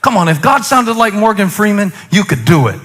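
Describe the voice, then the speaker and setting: A man preaching a sermon to a congregation, talking conversationally and then rising to loud exhortation. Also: sits high, big pitch swings, brisk, slight background noise. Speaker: pastor.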